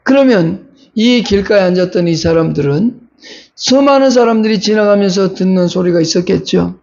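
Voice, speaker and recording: A male pastor preaches with a high-pitched, gravelly voice. He keeps putting rhetorical questions to the congregation and pushes toward urgent pleading. The recording sounds dull and lo-fi. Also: normal speed, a little mellow. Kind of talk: sermon.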